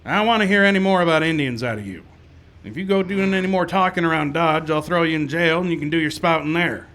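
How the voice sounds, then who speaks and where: A man plays a frontier marshal in an old-style radio western. His voice sits a little high, and he talks in a stern, no-nonsense, clipped way with weary authority. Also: quick pace, fairly bright tone, natural voice. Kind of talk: 1950s-style radio western acting and narration.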